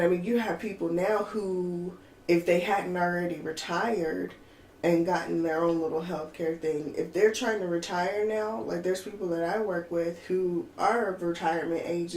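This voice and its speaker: A woman co-hosting a podcast, ranting in casual chat with an exasperated, animated manner and lots of fillers. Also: fairly low pitch. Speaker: podcast co-host. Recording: echoey room with faint noise.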